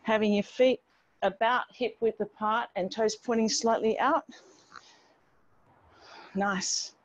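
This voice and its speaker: Slow and steady in tone, with a voice on the high side, a middle-aged woman leads her online exercise group from a patio by a garden wall, encouraging them step by step as she moves along. A distant device mic on the video call yields dull, band-limited sound.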